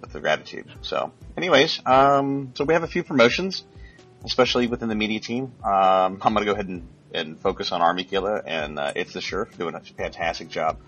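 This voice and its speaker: A man's voice: lowish voice, expressive, brisk, a bit bright, muffled recording, faint music behind. A man hosting a casual gaming podcast, rambling with many fillers and crude jokes. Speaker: podcast host.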